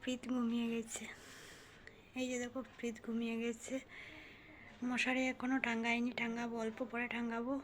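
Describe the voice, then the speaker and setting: A young woman housewife vlogging to viewers from her phone at home at night, talking softly and hushed because her child is asleep. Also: fairly high pitch, completely flat delivery, fairly quick, pauses often, a little hiss or hum. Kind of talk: casual vlog talk to viewers.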